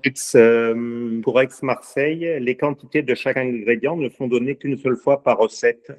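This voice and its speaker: A man on a call slowly reading out exam rules. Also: medium pitch, steady tone.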